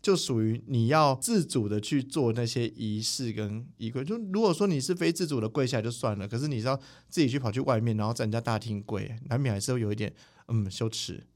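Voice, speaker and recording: Fast-talking man, animated storyteller. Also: mid-range voice. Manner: animated, quick, mimics people mid-story. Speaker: guest, spiritual teacher. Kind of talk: casual interview storytelling. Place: podcast recording studio.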